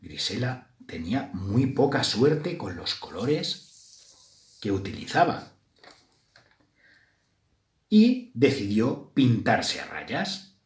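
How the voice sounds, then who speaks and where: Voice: sits low, far from the mic. A library storyteller reading a children's story aloud and addressing the children. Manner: slow, lively, addresses children. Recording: roomy echo.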